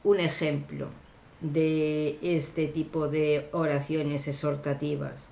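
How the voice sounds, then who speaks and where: A woman teacher explaining grammar slowly and deliberately, pausing often with fillers. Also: low-pitched, level tone, vocal fry, warm tone, echoey room. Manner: deliberate, hesitant with frequent fillers. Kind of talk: slow classroom grammar explanation.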